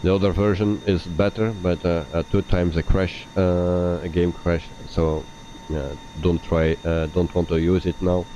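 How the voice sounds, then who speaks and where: A man's voice: level tone, measured pace, dark tone. A man from Belgium giving casual commentary while live streaming a flight simulator. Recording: muffled mic with faint engine rumble. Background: aircraft rumble.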